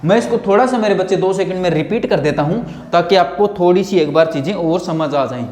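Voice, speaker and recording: A man's voice: high voice, a little fast, a little mellow, a little hiss or hum. A man teaching an English lesson in Hindi, chatty and playful, who keeps repeating points and quizzing his students. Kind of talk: informal online lesson. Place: home room recording himself on camera. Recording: echoey room.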